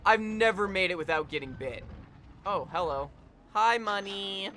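A young man giving casual, profane gameplay commentary, getting excitable and swearing often as he plays. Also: sits high, unhurried, slight background noise. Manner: excitable, swears a lot, yells at the game. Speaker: let's play gamer.

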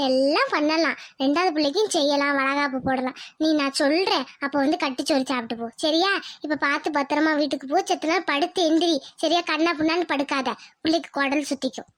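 A woman's voice: sits high, a little fast, close to an everyday voice. A woman voicing a bossy but caring older village woman neighbor in a cartoon, scolding and motherly. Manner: scolding, motherly, dialect-heavy. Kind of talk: cartoon voice acting.

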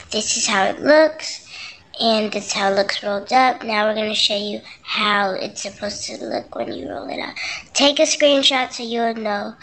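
Woman, casual recipe voice-over for a family vlog, slightly high, conversational with fillers. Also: fairly bright tone, low-quality recording. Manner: loose and conversational, with filler words.

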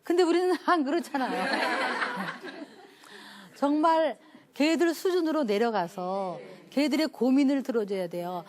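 A woman's voice: sits high, a little slow, very noisy. A middle-aged woman professor giving a parenting lecture, telling anecdotes animatedly, acting out quoted voices and laughing often. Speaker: professor teaching a parenting class.

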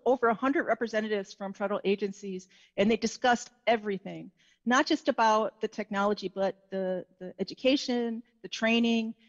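A woman talks over a video call headset, her audio dry and a little dull. She speaks earnestly and deliberately as a panelist, with the odd filler. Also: medium pitch, no room sound. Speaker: panelist, science agency director. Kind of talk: panel discussion remarks.

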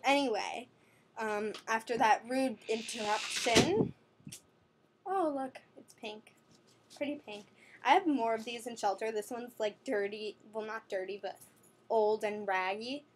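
A teenage girl from New York City, with a fairly high voice at a measured pace, rambles about her skin products in a casual review vlog. She's in her bedroom at night, recording on a desk webcam amid background noise, chatting with many fillers and self-corrections.

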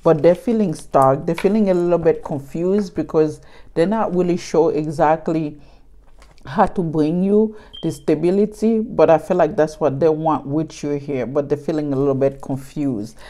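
Low, mellow-voiced woman reading tarot. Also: normal speed. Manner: chatty and repetitive, addressing viewers directly. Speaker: tarot reader. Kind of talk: casual tarot reading to camera.

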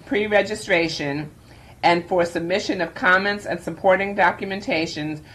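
An older woman chairing a county planning board meeting, reading formal opening remarks at a measured pace with frequent ums from a boardroom desk microphone. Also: lowish voice. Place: government boardroom, indoors.

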